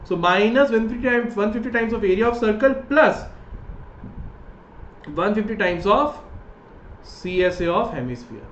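A man's voice: high voice, lively intonation, normal speed, pauses often, fairly bright tone. A man in his thirties with a North Indian accent teaching maths in an explanatory way, often checking understanding with short questions. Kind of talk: explanatory online lesson mixing English and Hindi. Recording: roomy echo, dull sound, faint noise.

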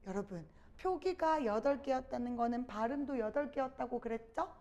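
High-voiced woman teaching grammar. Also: animated, moderate pace, warm tone, highs cut off. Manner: addresses students directly, asks and answers her own questions. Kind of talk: Korean grammar lecture.

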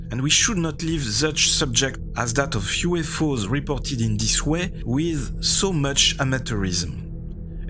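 A man with a French accent, a native French speaker, delivering critical, sardonic scripted commentary as the host of a video channel. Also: mid-range voice. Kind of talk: scripted commentary rebutting a TV show. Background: background music.

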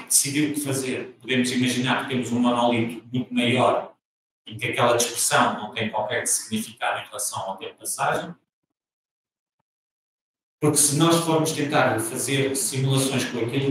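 A man's voice: mid-range voice, background noise. A man from Portugal with a European Portuguese accent, giving an academic seminar talk and often restarting his phrases as he thinks aloud. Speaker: guest lecturer. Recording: echoey room, from far off.

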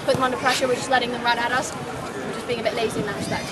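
A woman giving critical, instructive halftime pep talk to her team on an outdoor pitch. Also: fairly even intonation, racing, distant mic, a loud crowd. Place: outdoor sports pitch in a city. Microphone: distant handheld camera. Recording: off-mic outdoors, loud field noise and voices.

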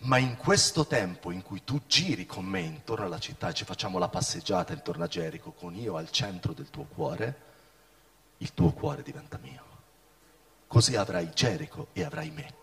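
A man's voice: a little high, big pitch swings, normal speed, creaky. Impassioned preacher man in a reverberant hall. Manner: impassioned, swings from shouting to hushed. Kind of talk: sermon.

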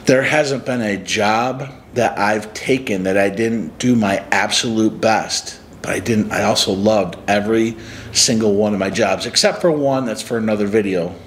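Speaking at a moderate pace in a lowish voice, a man in his forties from upstate New York talks casually to camera as a life coach and channel host. The camera is close as he sits on a couch in a small room, his tone earnest, reflective and motivational, with slight background noise.

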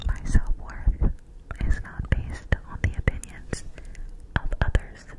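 Young woman doing a whispered asmr pep talk, super slow n breathy, right up on the mic, encouraging. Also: poor audio. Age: young adult. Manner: slow, deliberate, repetitive, encouraging. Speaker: ASMR host. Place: small room indoors. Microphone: desktop microphone, very close with hands cupped around it.

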